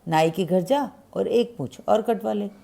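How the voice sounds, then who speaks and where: A brisk, scolding mother mouse from a children's storybook, as a woman puts her on. She sounds matter-of-fact, with a mellow, slightly gravelly voice. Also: medium pitch.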